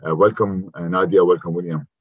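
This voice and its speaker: A low-pitched man hosts a podcast interview, pausing often with filler sounds. His voice is husky and dry, and the recording sounds muffled and lo-fi. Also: fairly even intonation, no room sound. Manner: halting, many filler sounds. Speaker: podcast host.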